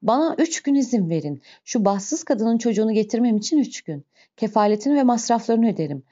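A woman reading as a quiet, dignified man who keeps his voice low and calm as he makes his requests. The tone is mellow and dark, with a slightly muffled recording. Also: brisk. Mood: urgent. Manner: soft, calm, pleading quietly. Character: calm, dignified middle-aged man under arrest.

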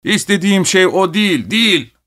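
Man playing a proud storybook lord: short, dismissive orders, pitched well above the narration. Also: animated, normal speed, pushed and bright, no echo, studio quality. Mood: curt. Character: proud commanding nobleman, curt and dismissive.

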